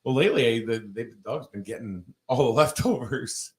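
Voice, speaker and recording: A man hosting a casual talk show, animated and laughing often, with plenty of ums. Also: medium pitch, normal speed. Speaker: show host. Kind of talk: casual radio-style chat.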